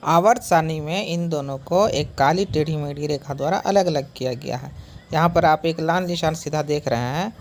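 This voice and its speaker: A man's voice: a little high, slight background noise. A male teacher giving a chemistry lesson, explaining step by step and often rephrasing his points. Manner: explanatory, repeats and rephrases points, occasional fillers.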